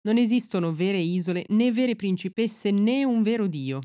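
A woman reading the lines of an old king who is secretly a magician, in a calm, measured way. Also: medium pitch, clean tone, no room sound, studio quality, lightly acted. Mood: stern.

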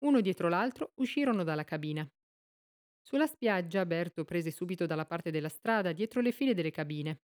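A woman reading a literary novel aloud in a steady, measured storytelling manner. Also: fairly low pitch. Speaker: audiobook reader.

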